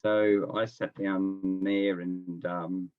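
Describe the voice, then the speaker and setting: Over a phone-quality remote call from his home, a middle-aged Australian nurse from Melbourne swaps laid-back anecdotes as an interview guest, with music playing in the background. He speaks very slowly in a low, flat voice.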